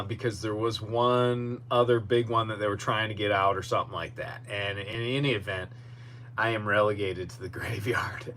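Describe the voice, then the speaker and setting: A man's voice: medium pitch, sharp tone. A man hosting a casual solo podcast live stream from outdoors in a yard, talking in a rambling, self-deprecating way. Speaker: podcast host. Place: outdoors in a boatyard. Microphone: podcast microphone. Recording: noticeable background noise with hum.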